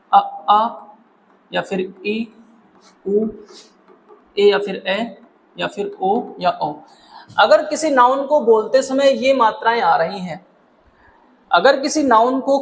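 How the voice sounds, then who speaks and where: A man's voice: high voice, poor audio. Male teacher, Hindi accent, explaining step by step, asks and answers his own questions, faint noise behind. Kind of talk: classroom grammar lesson.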